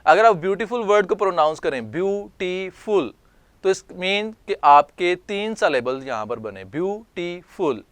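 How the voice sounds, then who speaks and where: Give me a male English teacher, recorded dry and close, calmly walking through word forms. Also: high voice, clean tone, no room sound. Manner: slow, spells out word forms one by one. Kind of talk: recorded grammar lesson.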